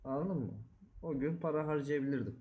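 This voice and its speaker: A man's voice: on the high side, fairly quick, warm tone, dull audio. A man co-hosting a podcast in casual chat, often checking that his listener gets it. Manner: keeps asking "you get it?". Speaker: podcast co-host.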